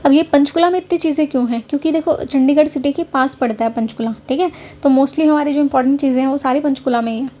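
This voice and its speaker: This Haryana woman teaches an online exam-prep class, talking casually over slides and often checking in with the people listening. Her voice sits high and has a dark tone, and she speaks fast.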